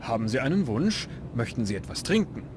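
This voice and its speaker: A man's voice: mid-range voice, sing-song, fairly quick, noisy background, close to an everyday voice. A man voicing a wry, self-mocking adventurer. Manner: dry, self-mocking narration. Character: wry young male adventurer. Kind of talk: fan-dubbed adventure game dialogue.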